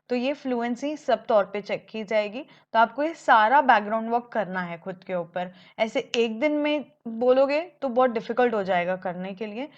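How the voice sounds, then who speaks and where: Higher-voiced woman coaching exam speaking. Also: highs cut off. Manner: explanatory, measured, slows down to stress points. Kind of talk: Hindi-English mixed lesson.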